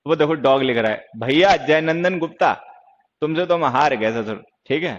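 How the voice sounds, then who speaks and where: A hoarse man teaching an online English grammar class, scolding and teasing his students playfully as he explains. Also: mid-range voice, brisk, muffled recording. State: hoarse from shouting.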